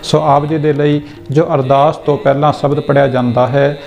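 A man giving a lesson on the correct pronunciation of prayer verses, addressing listeners gently and reciting each line slowly and carefully. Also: fairly high pitch, flat delivery, creaky, soft background music. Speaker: teacher of scripture pronunciation. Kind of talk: Punjabi scripture pronunciation lesson.

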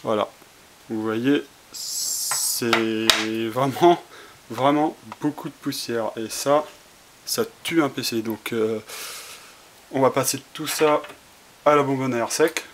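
A man's voice: mid-range voice, takes it slowly. Hesitant man demoing a repair. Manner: hesitant, many fillers and restarts while working with his hands. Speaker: tutorial presenter. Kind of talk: casual how-to demonstration. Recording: faint hiss, home camera audio.

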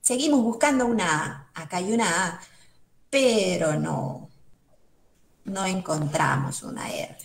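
A woman's voice: on the low side, animated, measured pace, creaky, reverberant. A woman with a Peruvian Spanish accent, a museum educator guiding children through a word search in an online class, thinking aloud step by step. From Peru.

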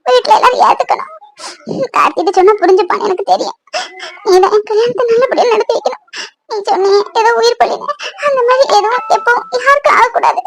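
A woman's voice: extremely high pitch, slight background noise, low-quality recording. A woman voicing an anxious, tearful young bride-to-be in a cartoon, pleading through her worries. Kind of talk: cartoon voice acting.

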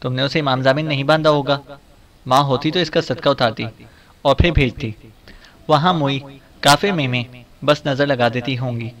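A loud, shrill old mother who scolds everyone around her and holds fast to her superstitions, as a male narrator puts her on in an audiobook. Her voice rises sharply and hits hard, pushed well above the reader's usual level. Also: natural voice. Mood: angry scolding.

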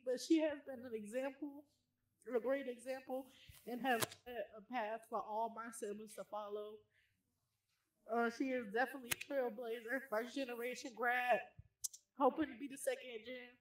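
A woman's voice: a little high, fairly even intonation, moderate pace, reverberant, slight background noise, rough recording. A young woman giving a heartfelt, emotional tribute to her sister at a church gathering. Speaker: congregant honoring her sister.

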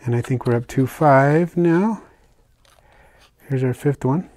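An older man casually narrating a hobby vlog as he unpacks and shows his isopod purchases, talking in a relaxed, chatty way with fillers and soft asides. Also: mid-range voice, takes it slowly, no room sound. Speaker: isopod keeper unboxing purchases. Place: indoors at a table, hands on camera.

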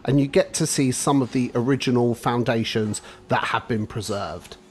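A middle-aged man narrating a travel vlog voice-over, measured and guide-like, giving practical tips. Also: mid-range voice, a little hiss or hum. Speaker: travel vlogger.

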